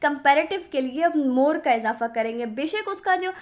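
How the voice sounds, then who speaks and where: High-voiced woman teaching grammar. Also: animated, normal speed. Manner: repeats questions to students and answers them; mixes English terms into explanation. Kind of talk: grammar lesson.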